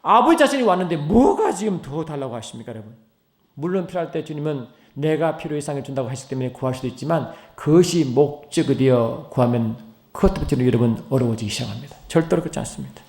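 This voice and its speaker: A middle-aged pastor man delivers a sermon in a roomy church with a lot of echo. His voice sits fairly high for a man, and he swings from loud, high calls to quiet asides while peppering the congregation with questions. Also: lively intonation, fast talker. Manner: asks the congregation many questions. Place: church sanctuary.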